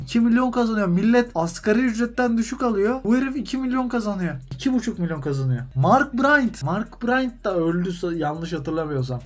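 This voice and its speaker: A young man with a fairly high voice rambles through his own basketball gameplay. He jokes and muses aloud as he weighs player after player. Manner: rambling, jokey, talks to himself while choosing players. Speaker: gaming YouTuber. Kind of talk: joking gameplay commentary.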